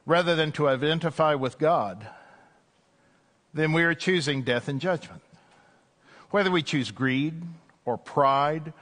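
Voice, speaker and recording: The sermon comes from a man acting as an Anglican priest, speaking at a pulpit microphone in church with a fairly high pitch. He sounds chatty, offering light humor and frequent "uh" fillers.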